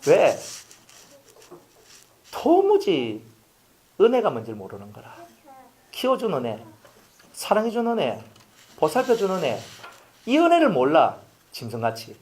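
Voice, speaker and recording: A man's voice: on the high side, wildly swooping pitch, measured pace, long pauses, darkish tone. A middle-aged man, preaching a sermon as pastor, telling stories and asking the congregation rhetorical questions.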